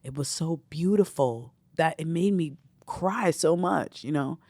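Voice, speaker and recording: A man, a spiritual teacher, telling a personal spiritual story in a reflective way, often filling pauses with "you know". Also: fairly high pitch, a little mellow, no room sound.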